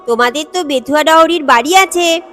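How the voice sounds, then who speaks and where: A woman's voice: high-pitched, fairly quick, fairly bright tone, soft background music. A woman voicing a curious young girl who keeps asking eager questions. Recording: long hall reverb.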